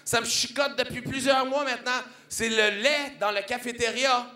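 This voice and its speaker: A man's voice: very high voice, fairly even intonation, normal speed, pushed and bright, roomy sound, pitched above the performer's own voice. A man putting on the voice of an overeager, fussy mother at a school meeting, gushing and insistent.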